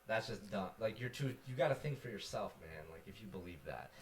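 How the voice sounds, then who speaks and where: Man, co-host, casual chat, rambling, animated, lots of fillers, low voice. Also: fast talker. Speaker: podcast co-host.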